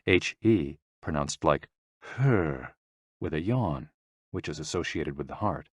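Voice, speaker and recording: Male audiobook narrator, deep voice, calm and measured, dry close sound. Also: husky, no echo. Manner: calm, measured reading of instructions and explanations.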